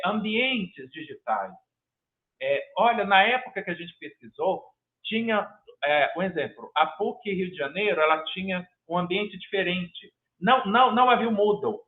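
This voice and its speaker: High-voiced Brazilian man on tinny call. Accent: Brazilian Portuguese. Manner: rambling, hesitant, frequent restarts. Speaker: master's candidate defending his project. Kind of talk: academic thesis defense answer. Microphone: video call. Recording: tinny video-call audio.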